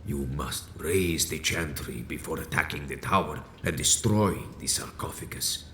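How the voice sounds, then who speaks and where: A man playing a wounded, aged vampire leader in a video game, speaking gravely and theatrically in archaic, formal phrases. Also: rumbling low, unhurried, bright, forceful tone, exaggerated voice. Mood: urgent, foreboding. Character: wounded, aged male vampire sect leader, grandiose, bitter. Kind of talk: dramatic video game voice acting. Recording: echoey room with faint noise.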